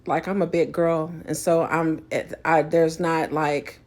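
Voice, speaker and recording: A woman's voice: low-pitched, flat delivery, measured pace, darkish tone. A woman vlogger delivering a spiritual rant, emphatic and preachy, rambling with frequent restarts.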